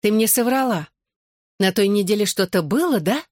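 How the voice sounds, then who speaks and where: A woman reading an audiobook, voicing an excitable, gossipy teenage girl who teases and squeals eagerly. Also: medium pitch, moderate pace, no room sound, studio quality, pitched above the performer's own voice, close to an everyday voice. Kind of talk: audiobook character voice.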